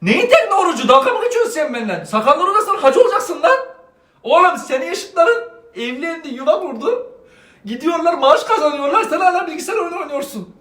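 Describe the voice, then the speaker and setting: A man's voice: extremely high pitch, very animated, fairly quick, bright, forceful tone, pitched above the performer's own voice, full character voice. A man playing a stern, preachy middle-aged father who scolds his grown son in an exasperated, moralizing way. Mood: scolding. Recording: echoey room, faint music behind.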